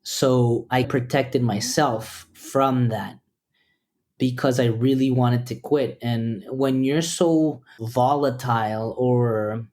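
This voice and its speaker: Man from Costa Rica, podcast guest, earnest, measured, mid-pitched. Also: darkish tone. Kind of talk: reflective interview talk.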